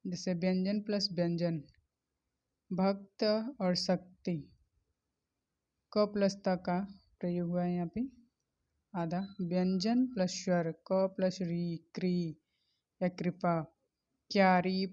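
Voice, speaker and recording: A woman's voice: on the low side, little pitch movement, slow pace, pauses often, a little mellow. A woman teacher giving a methodical revision lesson on grammar, spelling out letters and examples one by one. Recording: dull lo-fi recording.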